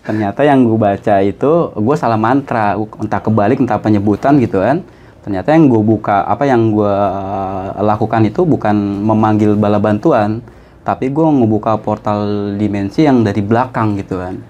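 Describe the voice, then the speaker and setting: A man, a guest telling a story in casual chat; he is animated and often laughs. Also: normal speed, lo-fi sound. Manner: animated, jumps high in pitch for quoted voices, laughs often.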